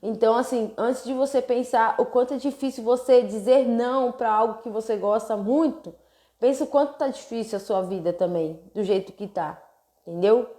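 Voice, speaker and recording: Earnest Brazilian woman, mellow voice. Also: a little high, normal speed, reverberant. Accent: Brazilian Portuguese. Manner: earnest, keeps checking in with "entendeu?". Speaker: weight-loss coach. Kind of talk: casual live stream talk.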